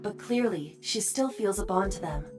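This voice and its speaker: A woman voicing a calm, formal female AI partner who speaks in measured sentences in a game. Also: medium pitch, over music, natural voice.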